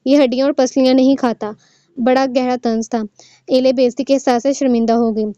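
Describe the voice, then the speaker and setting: A woman narrating a novel aloud in a steady storytelling manner. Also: sits high, brisk, clean tone, no echo, lo-fi sound.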